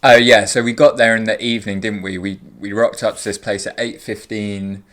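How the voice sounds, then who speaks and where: A young man co-hosting a casual podcast chat, easygoing and quick to laugh, often trailing off with fillers. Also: lowish voice, fairly even intonation, fairly bright tone. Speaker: podcast co-host.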